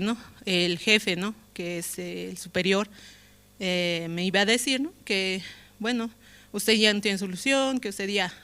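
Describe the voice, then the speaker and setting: A woman's voice: mid-range voice, fairly bright tone. A woman with a Bolivian Spanish accent giving an emotional testimony in church, often adding "right?" to her phrases. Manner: emotional, tag questions "¿no?" often. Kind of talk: spoken testimony.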